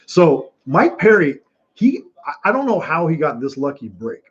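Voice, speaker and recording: A man hosting casual live fight commentary from home, telling stories in a rambling, animated way with many restarts. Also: on the high side, moderate pace. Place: home room watching fights. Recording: dull lo-fi sound.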